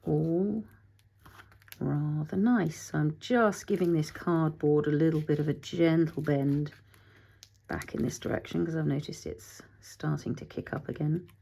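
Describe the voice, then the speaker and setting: A middle-aged woman with a low, slightly gravelly voice talks her way through a craft project at her desk. She thinks aloud, chats to her materials and now and then slips into a breathy near-whisper. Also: fairly even intonation, a little slow, warm tone. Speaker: craft tutorial host. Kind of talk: casual crafting tutorial, talking while working.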